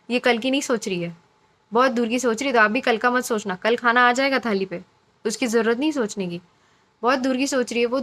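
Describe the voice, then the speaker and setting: A woman's voice: a little high, a bit bright. A woman giving a casual, encouraging intuitive reading to her viewers, chatty and repeating phrases for emphasis. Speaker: intuitive card reader.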